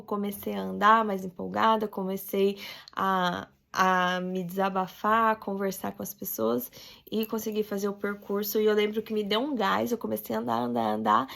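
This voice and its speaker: A woman's voice: mid-range voice, gravelly. A young woman casually recounting a personal experience in a chatty, reflective way, dotted with little tag questions. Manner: chatty, reflective, many fillers like "né" and "tá". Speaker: vlogger recounting a pilgrimage.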